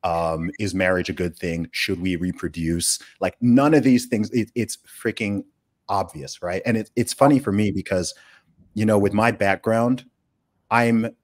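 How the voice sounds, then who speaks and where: A man's voice: lowish voice, unhurried. A man born in the UK and raised in Saudi Arabia, hosting a casual podcast conversation, emphatic and full of rhetorical questions. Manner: animated, emphatic, rhetorical questions, frequent restarts. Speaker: podcast host.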